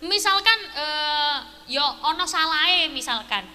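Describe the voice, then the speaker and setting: A woman's voice: high-pitched, animated, slow pace, sharp tone. A young woman preacher telling a humorous story as a sermon, acting out characters and asking the crowd questions. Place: large religious gathering. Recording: live event audio with hall reverb.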